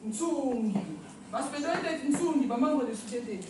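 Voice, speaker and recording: A woman's voice: high voice, expressive, fairly quick, background noise. A woman leading a pronunciation lesson, drilling words aloud and checking in with her students. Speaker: language teacher. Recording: very echoey room, far from the mic, faint ambience.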